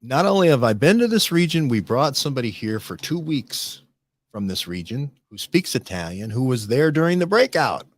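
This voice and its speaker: A man hosting a casual studio discussion, rambling and animated, often restarting and checking in with "right?". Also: mid-range voice, normal speed, no room sound. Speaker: host.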